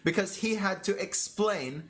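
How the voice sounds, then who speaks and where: A man's voice: high-pitched, a little slow, fairly bright tone. A man co-hosting a podcast, joking and swearing freely in casual debate. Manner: joking, profane, laughing often. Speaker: podcast co-host.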